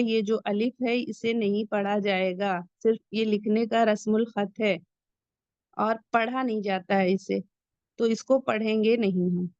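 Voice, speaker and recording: Slow, patient woman teaching recitation rules. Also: medium pitch, no echo. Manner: patient, explains each rule slowly and repeats key points. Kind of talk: step-by-step recitation lesson. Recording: dull lo-fi sound.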